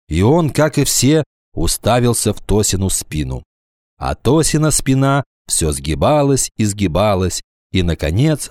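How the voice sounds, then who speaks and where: A man reading a children's story aloud as narrator, in an expressive storybook manner. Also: deep voice, dry recording. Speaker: audiobook reader. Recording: dry close home recording.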